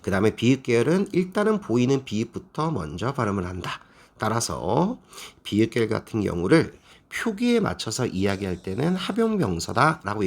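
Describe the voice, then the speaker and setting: A male Korean language teacher giving a lecture, explaining step by step and asking the class questions. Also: husky. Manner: lively, animated pitch.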